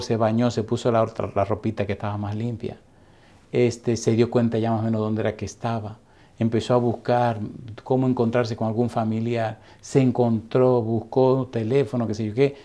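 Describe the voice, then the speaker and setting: A middle-aged man preaching a sermon, telling a story slowly and deliberately with long dramatic pauses. His voice is low-pitched and warm, mellow rather than bright. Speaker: pastor.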